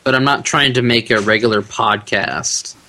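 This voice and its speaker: Bright-voiced chatty man. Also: on the low side, normal speed. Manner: relaxed and chatty, laughs easily. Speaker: podcast guest, audiobook narrator. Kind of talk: casual interview chat.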